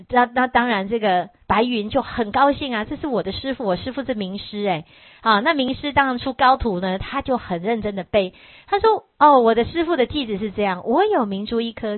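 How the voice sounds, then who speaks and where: A woman giving a Buddhist dharma talk, telling a Zen story with lively storytelling and acting out the characters. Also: fairly high pitch, no echo. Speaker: Buddhist teacher. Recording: tinny phone-like dry sound.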